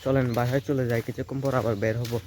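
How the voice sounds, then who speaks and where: A young man narrates his day to the camera while walking outdoors in the rain, his voice sitting in the middle of the male range. He talks in a chatty, conversational way and keeps checking in with the viewer. The phone recording carries clear outdoor noise with birds and rural ambience. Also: medium pitch, little pitch movement, rapid-fire, low-quality recording. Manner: drops to a hushed voice when people pass. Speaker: vlogger. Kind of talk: casual handheld vlog narration. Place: outdoors in a rainy rural village.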